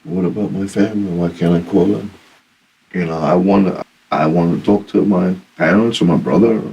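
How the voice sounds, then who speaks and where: A man being questioned talks in halting bits, full of "uh" and "you know," on an old interrogation tape. His voice is deep, gravelly and hoarse-edged, picked up from across the room. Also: warm tone, dull audio. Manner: hesitant, mumbled, full of fillers. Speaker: suspect under interrogation. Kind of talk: interrogation answers.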